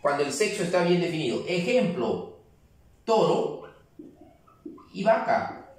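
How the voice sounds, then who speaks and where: A male teacher gives a classroom grammar lesson, explaining step by step and repeatedly checking in with the class using "¿ya?". His fairly high voice is sing-song, unhurried and darkish, captured with heavy room echo and a far-off mic.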